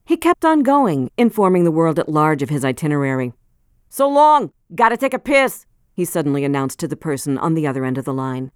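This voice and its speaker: A woman reads passages from novels aloud with expressive, dramatic emphasis. Her voice sits a bit low and is mellow in tone, yet it swings widely in pitch. It is recorded close and dry. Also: fast, few pauses, clear, resonant tone, dry recording. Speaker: reader of book excerpts. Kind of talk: audiobook reading.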